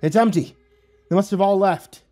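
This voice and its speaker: A man's voice: high voice, moderate pace, dark tone, voice pushed up, close to an everyday voice. A man doing a nervous, frightened soldier. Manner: nervous, strained.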